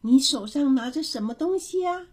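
A woman voicing a proud, gentle mother praising her son's drawing. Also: sits high, expressive, normal speed, pitched above the performer's own voice.

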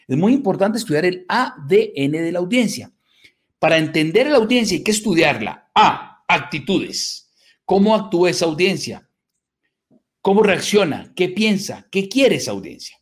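Middle-aged man, slightly raised pitch, motivational workshop speaker, emphatic and rhetorical. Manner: emphatic lists and rhetorical tag questions. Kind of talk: motivational lecture to a live audience.

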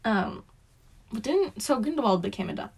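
A woman's voice: fairly high pitch, very animated, normal speed, creaky, darkish tone, slightly rough. A young woman co-hosting a casual podcast, chatty and giggly, with lots of "like" and "um". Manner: chatty, giggly, filler-heavy. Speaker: podcast co-host. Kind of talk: casual chat.

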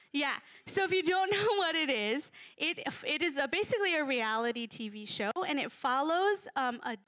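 A woman's voice: high-pitched, a bit bright, dry recording, studio quality. A woman in her thirties giving a casual, humorous sermon to a congregation, chatty and full of fillers. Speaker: speaker at a church gathering.

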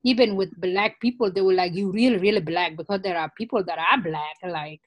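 A woman's voice: on the low side, a little fast, no echo. A woman from Africa, a guest in an interview, talking earnestly and reflectively in a conversational way. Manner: earnest, reflective, many "you know" fillers.

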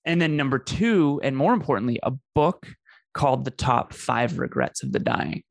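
A man's voice: mid-range voice, huge pitch swings, normal speed, creaky, no room sound, studio quality. A man, telling his life story in an earnest, emphatic conversational way. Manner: earnest, emphatic, repeats phrases for effect. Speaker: podcast host telling his story as a guest.

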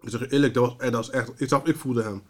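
A man co-hosting a podcast, arguing fast and calling his friend "bro" all the time. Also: medium pitch, steady tone. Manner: fast, argumentative, says "bro" constantly. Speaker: podcast co-host. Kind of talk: casual chat.

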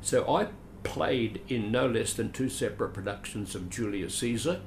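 An older veteran actor from Adelaide, Australia, reminisces as an interview guest, rambling and chatty with dry, self-deprecating asides. His medium-pitched voice is gravelly and expressive, at a moderate pace, with slight background noise.

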